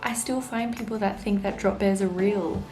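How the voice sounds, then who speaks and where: A woman's voice: medium pitch, fairly even intonation, moderate pace. A young woman with a posh Australian accent, chatting in an exasperated, comedic vlog rant and mimicking what others say. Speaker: vlogger. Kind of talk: casual comedic rant to camera. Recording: roomy echo with clear background music. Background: music.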